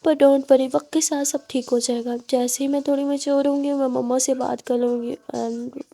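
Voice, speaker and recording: A woman's voice: high-pitched, little pitch movement, normal speed, vocal fry, dark tone. A woman voicing an affectionate young woman in love who talks in a teasing, tender way.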